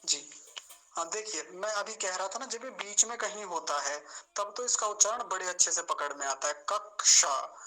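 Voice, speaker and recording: Bright-voiced patient male teacher. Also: sits high, poor audio. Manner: patient, repeats sounds slowly to demonstrate. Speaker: Sanskrit teacher. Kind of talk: online pronunciation class.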